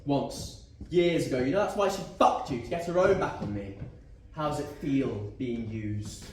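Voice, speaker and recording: A young man acting a bitter, furious husband live on a theatre stage, sarcastic and often shouting. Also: medium pitch, moderate pace, lightly acted. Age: young adult. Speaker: student actor. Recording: echoey stage from far off, faint noise.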